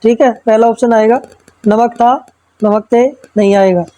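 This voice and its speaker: A woman's voice: a little high, steady tone, a little slow, dark tone, dry recording, low-quality recording. Methodical woman teacher walking through exam questions. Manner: reads each question then explains answer step by step; checks in with frequent tag questions. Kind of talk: exam-prep lesson.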